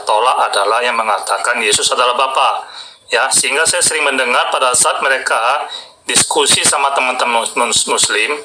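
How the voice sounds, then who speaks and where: A man gives earnest closing remarks and speaks to his listeners as friends. His voice sits at a middle pitch with a very bright, sharp edge. Faint noise runs behind him. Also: rough recording.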